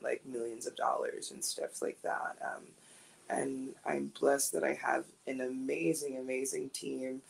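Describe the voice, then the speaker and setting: A woman, a guest recording artist, telling animated stories in a casual interview and laughing often. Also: a bass voice, vocal fry.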